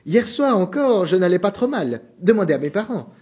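A man's voice: high-pitched, big pitch swings, normal speed, a little mellow, husky, voice pushed up, full character voice. A man reading aloud, voicing a flustered young salesman who pleads and apologizes in a rush. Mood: pleading.

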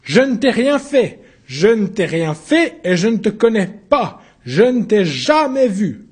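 A man voicing a desperate accused man on trial who shouts and pleads in his own defense. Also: high-pitched, animated, a little slow, breathy edge, voice pushed up, full character voice. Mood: frantic.

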